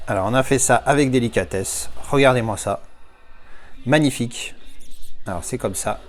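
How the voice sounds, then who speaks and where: Male unboxing host at home, mid-range voice, casual and chatty with excitable outbursts. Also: mid-range voice, normal speed. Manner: chatty, thinks aloud, bursts of excited exclamations. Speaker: collector reviewing an unboxing. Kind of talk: casual unboxing commentary to viewers.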